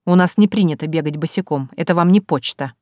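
A woman's voice: fast, darkish tone, no room sound, clean studio sound, lightly acted. A woman voicing a haughty shrieking noble mother. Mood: contemptuous. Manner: contemptuous, shrill when angry.

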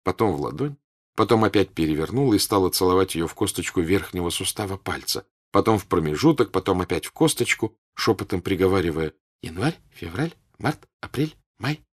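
A man with a husky voice reading literary narration for an audiobook, expressive and melodic. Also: low voice, quick pace. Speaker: audiobook reader.

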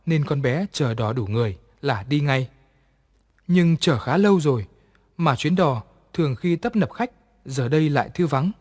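A man narrates a ghost story at a measured, even pace. His voice sits a little higher than most men's, and a long reverb hangs behind every line.

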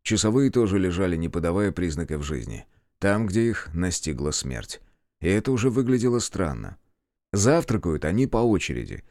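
A man narrating a first-person audiobook in a calm, measured way. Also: low-pitched, no echo, clean studio sound.

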